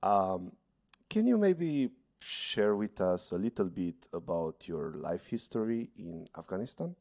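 Slow deep-voiced male podcast host. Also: big pitch swings, a little mellow. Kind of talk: casual interview talk.

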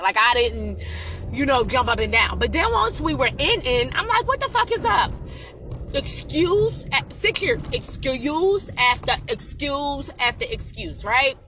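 A young woman talks straight to the camera in a casual confessional rant, her voice high and sharply bright. She swears freely, hammers points home by repeating them, and turns her story into blunt advice for younger women. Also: a little hiss or hum, low-quality recording. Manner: blunt, heavy swearing, emphatic repetition. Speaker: vlogger venting about a relationship.

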